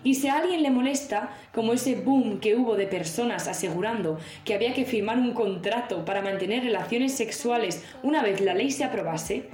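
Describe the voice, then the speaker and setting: A woman columnist reading a scripted opinion piece on the radio in a measured, earnest way. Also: on the high side, darkish tone. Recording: roomy recording.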